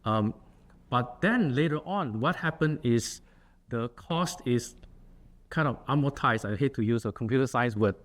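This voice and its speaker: In a lecture room, a middle-aged man from Singapore, an associate dean, talks earnestly and fields questions with many fillers and restarts. His Singaporean-accented voice is medium-pitched, fairly bright, animated and unhurried.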